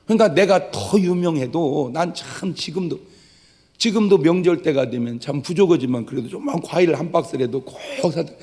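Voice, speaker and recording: Joking pastor in an echoing church. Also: male voice, a little high, moderate pace. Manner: lively, joking preacher who acts out quoted voices. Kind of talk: sermon. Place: church sanctuary.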